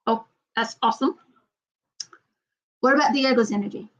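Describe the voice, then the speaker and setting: A woman's voice: on the high side, moderate pace, a bit bright. A woman hosting a casual livestream chat, rambling and repeating herself as she reads out viewer comments. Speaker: channel host. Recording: dull lo-fi sound.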